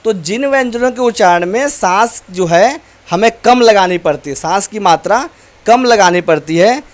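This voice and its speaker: A male teacher giving a slow, deliberate grammar lesson, reciting letters one by one. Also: sits high, animated.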